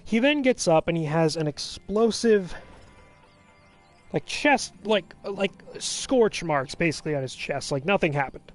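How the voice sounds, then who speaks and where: A man hosting a let's play, chatting casually and recapping a film in a rambling, animated way full of fillers. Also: high-pitched, unhurried, faint music behind.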